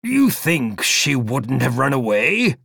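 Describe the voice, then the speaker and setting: A man reading aloud voices a vague, absent-minded older man who speaks hesitantly, slowly and softly. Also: medium pitch, big pitch swings, gravelly, slightly rough, no room sound, studio quality, exaggerated voice. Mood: puzzled. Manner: hesitant, slow, soft and wondering.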